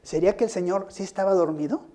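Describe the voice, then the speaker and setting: A man's voice: high-pitched, quick pace, dark tone. A male pastor gives a sermon. He asks rhetorical questions and rises into emphatic bursts.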